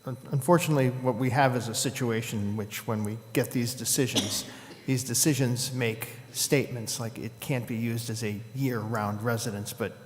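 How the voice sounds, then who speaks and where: A man chairing a public board meeting, courteous and deliberate, thinking his points through aloud. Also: fairly low pitch. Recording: reverberant hall, faint noise.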